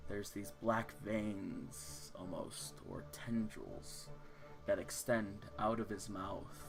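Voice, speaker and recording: A man narrating a tabletop game as game master, setting scenes slowly and descriptively. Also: fairly low pitch, fairly even intonation, music in the background.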